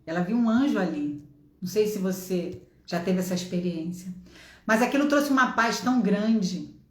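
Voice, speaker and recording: A woman's voice: mid-range voice, lively intonation, moderate pace, echoey room. A middle-aged woman with a Brazilian accent preaching a passionate sermon from her home office, exhorting listeners and acting out dialogue from her testimony. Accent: Brazilian Portuguese.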